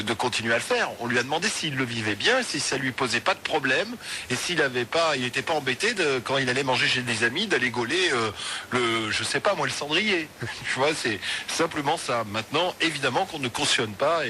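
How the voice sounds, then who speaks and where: A radio host runs a late-night call-in show, joking loosely with callers in a lively way and dropping apologetic asides. His voice is medium in pitch and fairly quick, heard over a radio broadcast with light noise.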